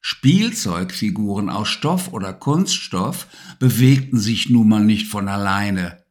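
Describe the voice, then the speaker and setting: A man narrating a children's bedtime story with a calm, slow delivery. His voice rises and falls a lot as he tells it. He sounds like a gentle, practiced storyteller. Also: fairly low pitch.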